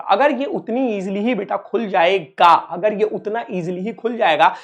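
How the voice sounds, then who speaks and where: A man from Uttar Pradesh, India, teaching a physics lesson online in a playful, teasing way and calling his students kids. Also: high-pitched. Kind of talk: online exam-prep lecture.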